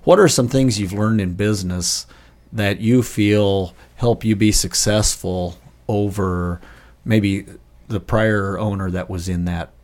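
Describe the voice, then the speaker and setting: A man with a somewhat low voice hosting a casual podcast interview. He asks questions in a friendly, encouraging way and often answers with short affirmations. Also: steady tone, takes it slowly, darkish tone. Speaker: insurance agent, podcast host.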